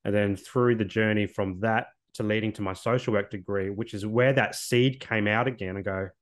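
Australian male guest, late 30s, low voice, earnest storyteller who restarts his phrases. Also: fairly even intonation, normal speed. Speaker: podcast guest, social worker. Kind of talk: reflective personal storytelling.

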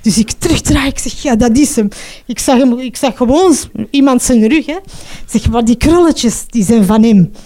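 A middle-aged Flemish woman giving a personal testimony in an earnest, halting way, often ending with a questioning tag. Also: a little high, warm tone. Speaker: mother telling her story.

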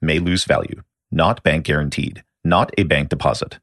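A man reading a scripted legal disclaimer at a fast clip as an announcer. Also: extremely low pitch, fairly bright tone, dry recording, studio quality.

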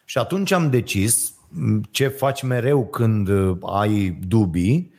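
A man's voice: lowish voice, a little mellow. A man hosting a casual chat, hesitant and full of fillers. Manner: hesitant, many fillers and affirmations. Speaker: host.

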